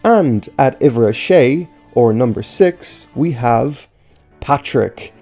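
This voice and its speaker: A chatty Irish man hosts a countdown in a mellow, rounded voice and draws out each announcement. Faint music runs underneath. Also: medium pitch, expressive, takes it slowly. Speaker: host. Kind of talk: ranking commentary. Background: faint background music.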